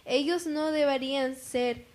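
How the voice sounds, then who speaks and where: A woman's voice: high-pitched, measured pace, a little mellow. A woman speaking earnestly in a casual discussion about faith.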